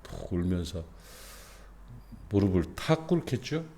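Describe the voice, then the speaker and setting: A middle-aged male pastor delivers a dawn sermon, his pitch swinging widely as he talks it through. He leans on fillers and rhetorical questions, then climbs in force to stress his points. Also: sing-song, unhurried, creaky, warm tone. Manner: conversational preaching with rhetorical questions and many fillers; rising and emphatic when stressing a point. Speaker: senior pastor.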